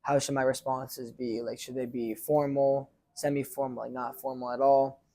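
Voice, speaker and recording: A teenage high school lacrosse goalie, who is also team captain, talks about leading his team in a relaxed, mellow voice at a medium pitch and moderate pace. His answers ramble, full of restarts and fillers like "like" and "I feel like." The tone stays casual and unpolished.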